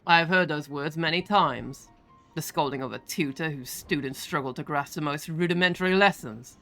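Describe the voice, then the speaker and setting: A woman's voice: sits low, normal speed, sharp tone, faint music behind. A woman reading the lines of a bitter, earnest young male mage in a solemn, old-fashioned way.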